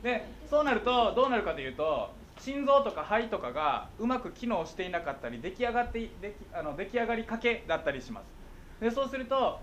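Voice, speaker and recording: A man's voice: high voice, very animated, quick pace, a bit bright, slight background noise. A middle-aged man with a Kansai accent, giving a playful, jokey talk to schoolchildren as a guest speaker and often checking that they follow. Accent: Kansai Japanese. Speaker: guest speaker on visual impairment.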